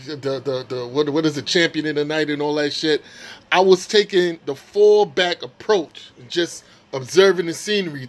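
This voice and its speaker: Excited high-voiced man recapping a vlog. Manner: excited, slangy storytelling, swears a lot. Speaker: channel host recapping a rap battle.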